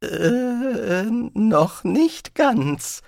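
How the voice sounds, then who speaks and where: A jittery wizard, as a male narrator puts him on, his voice jumping up high and tight with fear. The sound is close and dry. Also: big pitch swings, moderate pace, dry recording, exaggerated voice. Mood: panicked. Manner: shrill, strained and fearful.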